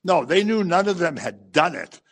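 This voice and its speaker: A man delivers a sermon in an easy, conversational tone. He preaches with animation and slips into quick acted voices for the people in the passage he explains. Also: high voice, sing-song. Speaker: pastor.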